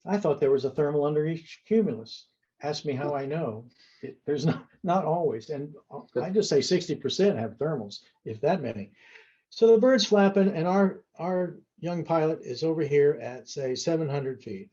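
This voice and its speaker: A man's voice: on the high side, expressive, moderate pace, dark tone, highs cut off. A man giving an indoor seminar as a flight safety instructor, folksy and emphatic with rhetorical asides while drawing on a board.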